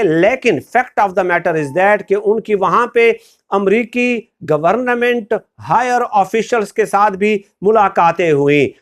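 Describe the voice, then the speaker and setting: A man with a Pakistani Urdu accent delivering a political commentary vlog in a formal register, speaking straight to his viewers and pausing often on hesitant fillers. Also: high voice. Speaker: political vlogger.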